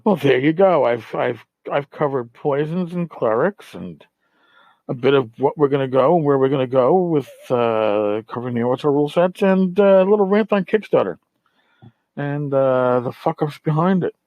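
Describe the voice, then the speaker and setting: Here a middle-aged man running a tabletop gaming podcast lets off steam in an offhand, meandering monologue, swearing freely and sounding blunt and annoyed. His mid-range voice is animated and moves at a normal speed, but the audio is dull and dry, without echo.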